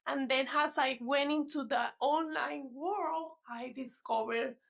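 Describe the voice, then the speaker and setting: This native Spanish speaker from Venezuela, accent clearly Venezuelan, is a guest discussing her work as a fitness coach in relaxed interview chat. She sounds high and fairly bright, with vocal fry, a measured pace and fairly even intonation, frequently laughing and starting words over.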